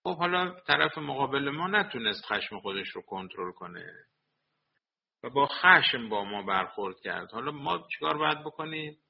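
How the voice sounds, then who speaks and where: A man's voice: mid-range voice, very animated, vocal fry, breathy edge. A man giving a sermon, quoting Arabic sayings and explaining them line by line. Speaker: religious lecturer. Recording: dull lo-fi recording.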